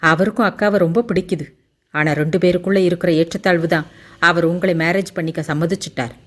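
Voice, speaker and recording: A woman's voice: on the low side, steady tone, fairly quick, close to an everyday voice. A woman voicing a nervous, polite young man pleading on his sister's behalf in a Tamil audiobook. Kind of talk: audiobook character voice.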